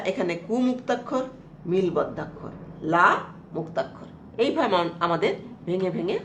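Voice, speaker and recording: A woman teacher giving a slow, explanatory lecture, repeating terms and asking checking questions. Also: medium pitch. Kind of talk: lecture on Bengali prosody. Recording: echoey room with faint noise.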